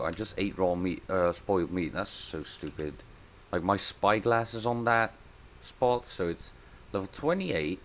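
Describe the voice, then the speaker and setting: A man with a lowish voice giving casual gameplay commentary as host of a let's play. He talks through what he is doing and often breaks into loud, surprised outbursts. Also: a little hiss or hum. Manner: excitable, bursts into loud surprised exclamations.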